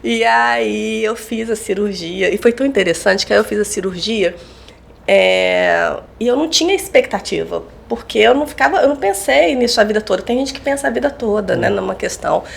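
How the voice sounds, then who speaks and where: A woman's voice: mid-range voice, brisk, vocal fry. A woman in her forties, a psychologist and lecturer, candidly telling a personal story in a casual podcast chat and acting out the dialogue.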